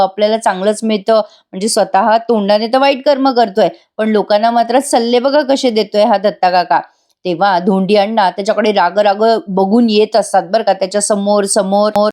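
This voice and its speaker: A woman's voice: mid-range voice, warm tone. A woman narrating a scripted voice-over recap of a TV serial, talking straight to her viewers. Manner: chatty, addresses viewers directly.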